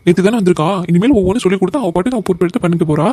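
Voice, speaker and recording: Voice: medium pitch, rapid-fire, dark tone, breathy edge, close to an everyday voice. A voice actor playing a meek young husband in a cartoon comedy, pleading and apologetic. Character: meek young husband caught between wife and mother.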